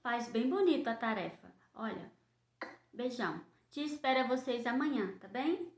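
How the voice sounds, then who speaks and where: A woman teacher, giving a children's phonics lesson and sounding out letters slowly in a sing-song way. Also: a little high, lively intonation. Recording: echoey room.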